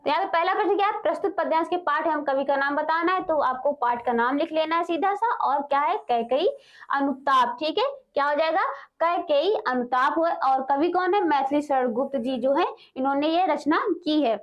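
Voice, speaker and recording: Woman teacher, high voice, explains poetry, filler-heavy, dull lo-fi sound. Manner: repeats "ठीक है" and "क्या है" as fillers, reads verses slowly. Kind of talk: explaining Hindi poetry for exams.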